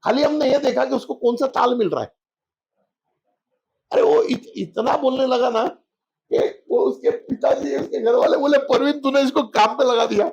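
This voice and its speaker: A man's voice: very high-pitched, normal speed, vocal fry, a little mellow, highs cut off. A man as a spiritual guest, telling homely anecdotes in a casual interview and acting out the voices in them. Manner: anecdotal, folksy, acts out quoted voices.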